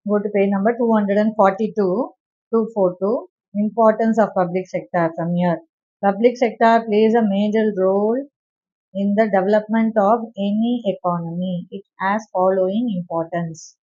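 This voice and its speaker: A woman's voice: mid-range voice, fairly even intonation, dark tone. Lady teacher reading out textbook answers, stops to tell students what to write, kinda dull lo-fi sound. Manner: reads text aloud, then gives quick asides to students. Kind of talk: classroom lesson dictating notes. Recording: dull lo-fi recording.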